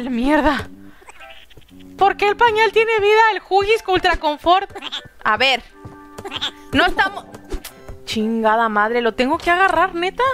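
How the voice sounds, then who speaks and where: High-voiced Mexican woman gaming, excitable. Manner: excitable, swears a lot, coos at the baby. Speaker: gameplay streamer. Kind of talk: casual gameplay commentary.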